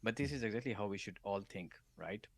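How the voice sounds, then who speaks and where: A man's voice: lowish voice, fast talker. A man being interviewed on a podcast as a solutions architect, giving advice and often checking in with "right?". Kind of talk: casual interview chat.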